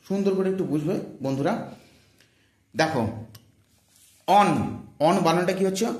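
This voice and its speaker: Man, teacher, fairly high voice, echoey room, phone recording, question-and-answer drills. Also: darkish tone. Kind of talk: exam-prep grammar lesson. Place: room, filmed with handheld phone. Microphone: handheld phone.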